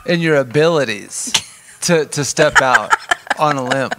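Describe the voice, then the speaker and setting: A man's voice: mid-range voice, measured pace, background noise. A male guest on a talk show, chatting and guessing answers in a jokey, enthusiastic way. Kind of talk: casual chat.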